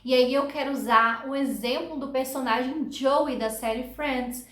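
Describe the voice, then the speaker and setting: A woman's voice: high-pitched, unhurried, a bit bright, roomy sound. Upbeat Brazilian woman teaching English. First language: Portuguese. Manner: upbeat, models English phrases for repetition. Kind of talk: online language lesson.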